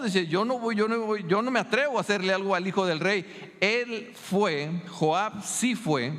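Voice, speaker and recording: Slow, earnest Mexican preacher in a reverberant hall. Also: male voice, fairly high pitch, a bit bright. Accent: Mexican Spanish. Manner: earnest storytelling preacher, emphatic and deliberate. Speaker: pastor. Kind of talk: sermon.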